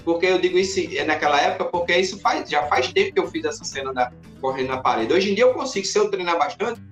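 A man, a podcast guest in casual chat, who tells his stories in an animated way and acts out the scenes. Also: high-pitched, fast talker, lo-fi sound, soft background music. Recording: roomy echoey room.

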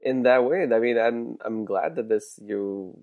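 A man's voice: medium pitch, measured pace. A man interviewing someone in a casual, conversational way, often restarting and repeating the openings of his phrases. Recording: dull, muffled sound.

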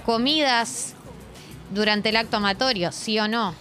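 Bright, playful Rioplatense woman co-host. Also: a little high, measured pace, faint music behind. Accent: Rioplatense Spanish. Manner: frank and playful, reads listener messages aloud. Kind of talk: casual podcast chat.

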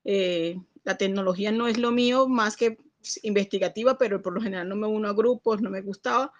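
Venezuelan woman, mid pitch, hesitant caller who rambles. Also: a little fast, lo-fi sound. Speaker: participant on a call. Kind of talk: casual call-in question.

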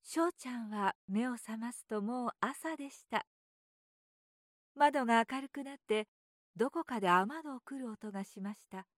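A woman narrating a children's story in a gentle, measured reading voice. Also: fairly high pitch, dry recording, clean studio sound.

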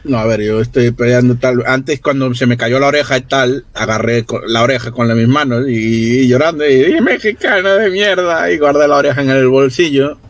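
A man's voice: mid-range voice, steady tone, fairly quick, hardly any pauses. Man, tabletop player, mid voice, rambling delivery. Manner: rambling, with restarts. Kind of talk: casual tabletop play.

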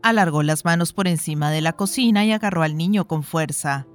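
A woman narrating a short story for an audiobook in a measured, even reading. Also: low voice, faint music behind.

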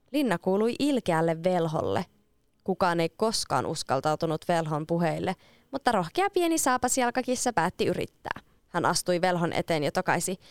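Woman narrator for a fairy tale, lively and expressive, low-ish smooth voice, dry close sound. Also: dry recording. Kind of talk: storybook reading.

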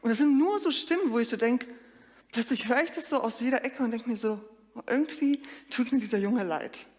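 A woman preacher giving a sermon, telling a lively story and addressing the congregation directly. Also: fairly high pitch, brisk, long reverb tail.

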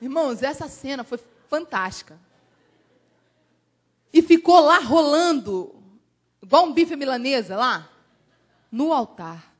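High, lively woman preaching. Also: a little slow, long pauses. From Brazil. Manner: animated, emphatic storytelling preaching. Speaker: missionary preacher. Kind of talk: sermon.

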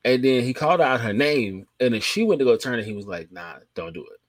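A man's voice: medium pitch, expressive, fast talker, no room sound. A man co-hosting a podcast, telling stories. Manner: laid-back storytelling, trailing off quietly. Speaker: podcast co-host. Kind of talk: casual chat.

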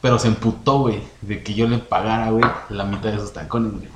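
A young man with a Mexican Spanish accent, chatting casually as a podcast co-host, telling animated stories full of slang and acted-out quotes. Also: fairly low pitch, fast talker. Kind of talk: casual chat. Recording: roomy echo, faint noise.

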